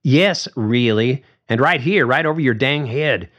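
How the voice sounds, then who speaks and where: A man's voice: mid-range voice, unhurried, fairly bright tone, pitched above the performer's own voice, natural voice. A man reading aloud who voices a chatty, pushy adult woman in an offhand, rambling way. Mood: breezy. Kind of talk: audiobook character voice.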